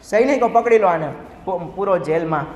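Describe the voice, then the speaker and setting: A man voicing a stout king who is quick to anger and gives orders, in a story told in a sermon. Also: high-pitched, a little mellow, lightly acted. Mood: indignant. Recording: echoey hall reverb.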